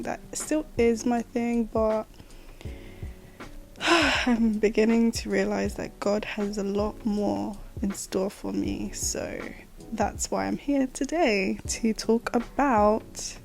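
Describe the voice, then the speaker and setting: A woman in her twenties runs a casual solo podcast, chatting loosely with laughs and plenty of fillers. Her voice is fairly high, creaky, and darkish in tone.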